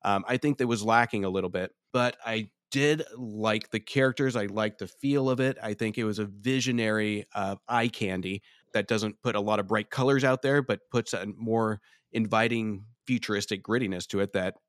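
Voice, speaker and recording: A man's voice: on the low side, moderate pace, no echo. Discursive male film podcaster, dry sound. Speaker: podcast co-host. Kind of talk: casual film review chat.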